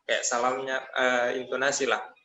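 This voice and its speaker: A young student speaks hesitantly, stumbling over fillers as he asks to practice. His voice is bright and fairly even in pitch. It sounds roomy and echoey. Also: moderate pace. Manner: hesitant, many fillers when speaking freely. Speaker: student trainee. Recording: roomy echo on call audio.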